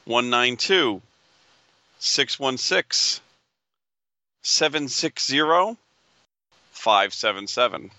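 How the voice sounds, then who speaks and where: Bright-voiced man calling numbers like a raffle caller. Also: mid-range voice, big pitch swings, no echo. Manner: reads ticket numbers in slow, deliberate groups of three. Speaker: podcast co-host.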